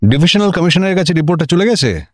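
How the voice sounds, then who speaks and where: In a Bengali comedy radio drama, a male actor plays an officious, excitable district magistrate who bosses juniors and grovels to superiors. He speaks in a high voice at a quick, brisk, official clip, mixing in English words.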